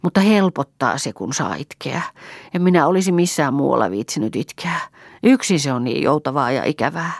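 A woman reading an impulsive, talkative young village woman in an audiobook, lively and emotional. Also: deep voice, no room sound, clean studio sound. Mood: tearful. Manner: lively and chattering, quick to laugh and cry.

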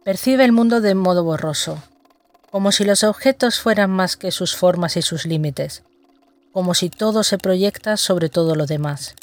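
A narrator leading a guided sensory meditation with slow, deliberate, instructional phrasing. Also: medium pitch, no echo.

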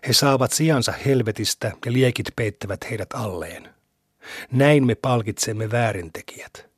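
A man reading scripture aloud in a measured, deliberate way, with his phrase ends trailing off breathy, on a close studio mic. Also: medium pitch, no echo. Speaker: scripture reader.

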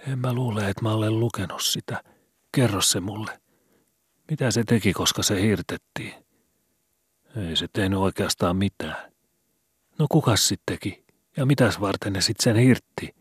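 A man's voice: on the low side, long pauses, breathy edge, no room sound, clean studio sound, voice pushed up. A man voicing a frightened young street boy in old Helsinki slang, trembling and pleading.

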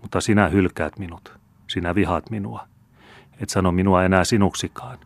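Lovestruck teen count, earnest and pleading, read by a man with a low voice, dry sound. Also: steady tone, no echo. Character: ardent seventeen-year-old young count, earnest and lovestruck.

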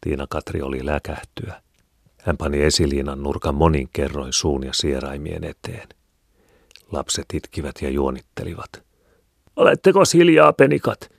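A man reading a classic novel aloud in a measured, even storytelling manner. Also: very deep voice, gravelly, no echo, studio quality. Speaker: audiobook reader. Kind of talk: scripted narration.

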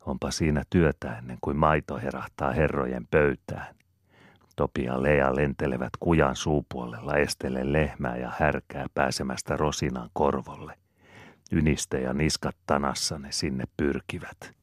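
A man reading a novel aloud as an audiobook narrator, in even, measured storytelling close to the mic. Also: extremely low pitch, no room sound. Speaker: audiobook reader. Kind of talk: scripted narration.

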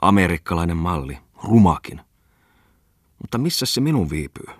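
A man reading an audiobook voices a loud, excitable lame man who rants scornfully and breaks into shouts. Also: low voice, breathy edge, dry recording, studio quality, full character voice. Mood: excited. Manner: raves loudly, jumps into shouts. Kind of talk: audiobook character voice.

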